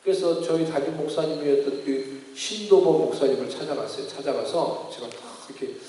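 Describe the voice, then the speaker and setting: A middle-aged male pastor telling a personal story in a sermon, lively storytelling that acts out the voices of others. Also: fairly high pitch, brisk, slight background noise. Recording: echoey hall, distant mic.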